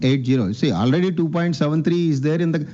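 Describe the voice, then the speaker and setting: Speaking quickly in a warm, fairly high-pitched voice, this Indian banker responds on an earnings call heard over a dull, band-limited conference line. He is respectful and repetitive, peppering his replies with "sir."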